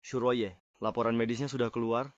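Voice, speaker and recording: A man's voice: medium pitch, flat delivery, a little fast, no echo, lo-fi sound, lightly acted. An actor dubbing a cool, stern male executive assistant who speaks curtly and businesslike. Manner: curt and businesslike. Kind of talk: dubbed short drama.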